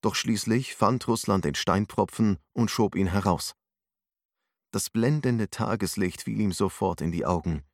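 A man narrating an audiobook in a measured, steady way. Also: lowish voice, dry recording, studio quality.

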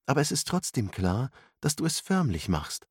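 A man voicing a calm female mentor who gives firm, encouraging instructions, read as part of a storybook narration. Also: mid-range voice, moderate pace, slightly rough, voice pushed up. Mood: instructive. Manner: instructive, commanding.

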